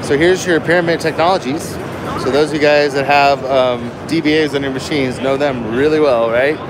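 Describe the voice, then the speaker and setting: Excitable man touring a noisy expo. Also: medium pitch, normal speed. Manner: excitable, chatty, lots of "so" and "cool". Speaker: vlog host. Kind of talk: live walkthrough commentary. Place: large busy expo floor. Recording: background noise from a busy expo floor.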